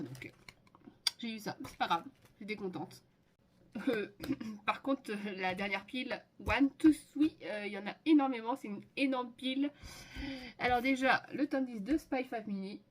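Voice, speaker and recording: An excited woman talks through a haul video, filling pauses with little hesitations as she goes item by item. Her voice sits in an ordinary middle range. A light background hiss runs under the recording. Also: medium pitch. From France. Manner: enthusiastic, listing items with many fillers. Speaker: manga haul vlogger. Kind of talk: casual haul video chat.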